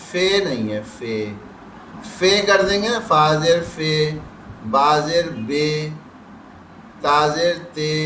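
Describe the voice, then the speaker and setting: A man teaching a Quran recitation class, slowly drilling syllables and then explaining quickly. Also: fairly high pitch, a bit bright, a little hiss or hum. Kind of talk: tajweed class lesson. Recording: echoey room, distant mic.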